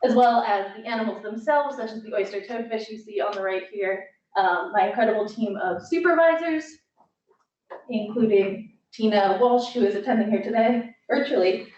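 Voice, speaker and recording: A woman's voice: a little high, moderate pace, a little mellow, slight background noise. A young woman student presenting her internship slides with enthusiasm. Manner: enthusiastic, gets emotional and choked up near the end. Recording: echoey, distant, dull lo-fi sound.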